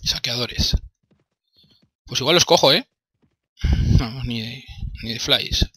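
A young man from Spain speaks slowly with a Spanish accent, his mid-range voice pushed, bright and slightly rough, as he commentates his own gameplay in a let's play. He sounds exasperated, grumbling, swearing often and talking to himself.

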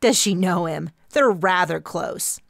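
A woman voicing a wry, practical young woman friend with a dry, matter-of-fact delivery and a gravelly voice. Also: fairly low pitch, expressive, measured pace, dry recording, full character voice.

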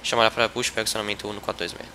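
Man, pilot radio calls, over walkie-talkie radio, bright edgy tone, flat delivery. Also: on the low side, slight background noise. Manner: clipped, rapid readback of clearances. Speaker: virtual airline pilot on a flight-sim network. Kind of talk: radio phraseology to air traffic control.

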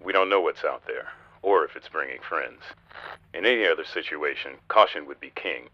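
An actor playing a steady, pragmatic spaceship captain, giving serious military briefings in a scripted game. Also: male voice, rumbling low, normal speed, lo-fi sound. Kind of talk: scripted game mission dialogue.

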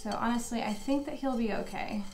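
Gushing over her houseplants with frequent laughter, a plant vlogger in her twenties chats casually from her bedroom at home. Her voice sits on the high side and moves briskly; the room echoes, the recording is very noisy, and music plays beneath her.

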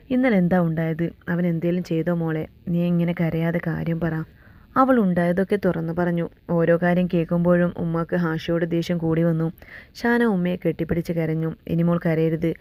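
A woman reading a romantic family story aloud, voicing every character in the same steady narrating voice. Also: lowish voice, moderate pace, dry recording. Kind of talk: scripted narration of a love story, reading all parts.

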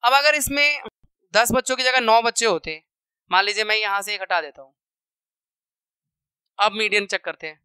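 A man's voice: high voice, normal speed, long pauses, sharp tone, smooth, no echo. A man teaching a maths lesson to schoolchildren, explaining step by step, counting numbers aloud and checking in often.

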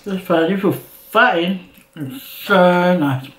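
Slow-talking middle-aged woman chatting while eating. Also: on the low side. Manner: talks between mouthfuls, with appreciative hums. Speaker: mukbang host. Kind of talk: casual chat while eating. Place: indoor room at a table. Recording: roomy echo, clinking dishes.

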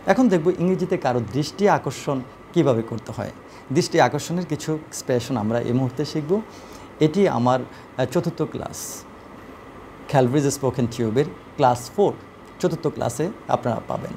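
A man teaching a spoken English lesson, reading example phrases slowly and deliberately with frequent "uh" fillers. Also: mid-range voice, expressive, warm tone, a little hiss or hum.

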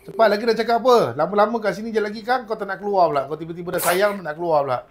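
A man's voice: high-pitched, rapid-fire, slight background noise. A man working as a spiritual healer, mockingly scolding and teasing a possessing spirit during a healing session.

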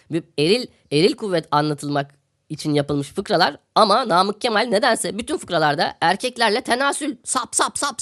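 Fast-talking sarcastic male podcast host. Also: high-pitched, fairly bright tone. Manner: sarcastic, ranting, repeats phrases for comic effect. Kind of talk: satirical news commentary.

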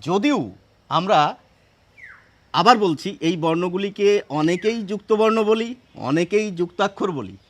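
A man's voice: high voice, fairly bright tone. A man giving a patient grammar lesson, asking and answering his own questions and repeating key points. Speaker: Bengali grammar teacher.

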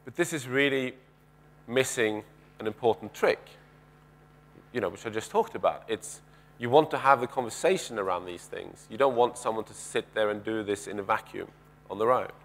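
A man in his thirties delivers a keynote on a large conference stage through a headset mic, his voice lowish and fairly bright at a moderate pace. He's conversational, pacing the stage with gestures, asking the audience questions and often restarting his sentences.

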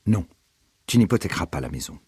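Man playing a pompous petulant medievalist, theatrical declaiming, husky low voice, dry sound. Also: very animated, quick pace, a little mellow, dry recording, heavily acted. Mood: alarmed petulance. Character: pompous obese male medievalist, grandiloquent and petulant.

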